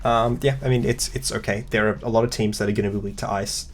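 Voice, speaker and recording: A man with a low, gravelly voice hosts a casual chat, wandering through his points with plenty of ums and likes. His tone is wry and loose rather than polished. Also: steady tone, fast, a little hiss or hum. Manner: rambling, filler-heavy, wry. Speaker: podcast host. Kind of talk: casual chat about competitive games.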